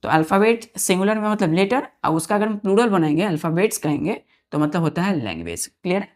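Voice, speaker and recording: Talking fast in a fairly low, expressive, slightly mellow voice, a woman teaches English grammar in an online exam-prep lesson. She spells key words letter by letter, repeats them, and keeps quizzing her students, calling them children.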